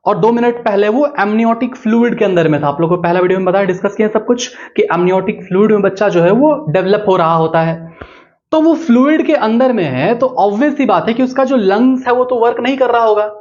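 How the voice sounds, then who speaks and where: Chatty young male biology tutor, high-pitched voice, jokey and engaging. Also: a little mellow, dull audio. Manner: chatty and joking, keeps checking in with listeners. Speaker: biology teacher. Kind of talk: playful explainer lesson.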